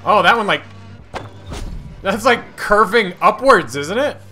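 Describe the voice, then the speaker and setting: A man giving casual gameplay commentary as a streamer, excitable and cursing at enemies while game music plays. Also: sits high, a little slow. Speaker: gaming streamer. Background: game audio and music.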